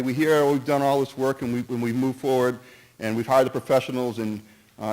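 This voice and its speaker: During public comment at a town meeting, a man offers his opinion earnestly and cautiously, stumbling, starting over and jumping between points. His voice is mid-range and a little mellow, and the audio quality is poor.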